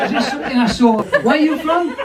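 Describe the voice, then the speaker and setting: Rambling older comedy compere. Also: male voice, very high voice, fairly quick. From North East England. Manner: rambling, sweary, laughing at his own jokes. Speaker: comedy club MC. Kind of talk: stand-up compering and crowd work. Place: small pub comedy room with a crowd. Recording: distant mic, lively crowd.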